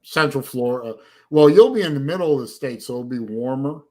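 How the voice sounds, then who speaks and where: A man's voice: mid-range voice, animated, brisk, a little mellow. A man with a faint Boston accent hosting a casual live stream chat, often stopping and repeating words as he thinks. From Boston area, United States. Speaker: livestream host.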